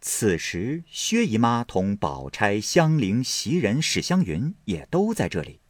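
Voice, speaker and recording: A man narrates a classic novel slowly and with a lively, rising and falling voice, acting out each scene. The recording is dry and close with no room sound. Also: medium pitch, no echo. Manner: expressive storytelling, voicing each character. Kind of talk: dramatic audiobook reading of a classic novel.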